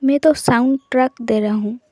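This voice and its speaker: A woman voicing a loud, joking young man who teases his friends in playful banter. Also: on the high side, normal speed, dry recording, natural voice. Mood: teasing.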